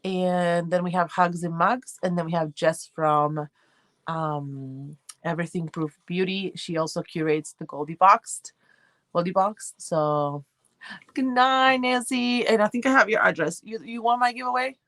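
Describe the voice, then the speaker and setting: On her casual livestream, a woman from Argentina rambles through viewer comments, reading them out and replying in a chatty way with a light Argentine accent. She keeps a measured pace, and her lowish, slightly bright voice comes through in a dry recording.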